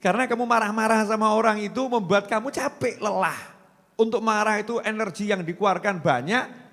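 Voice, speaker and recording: A man's voice: high voice, a bit bright. A man preaching a folksy, joking sermon, often putting questions to his audience. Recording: long reverb from a hall.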